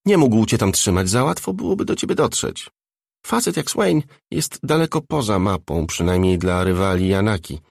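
A man's voice: lowish voice, expressive, normal speed, vocal fry, a little mellow, no echo, studio quality. A man voicing a tough, mocking, streetwise woman in a storybook reading, blunt and needling. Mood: brusque.

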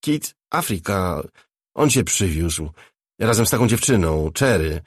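A man's voice: sits low, very animated, measured pace, husky, no echo, studio quality, heavily acted. A man reading a hesitant, simple working man. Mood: explaining. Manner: hesitant, plain-spoken. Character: simple, unsure grease-stained working man.

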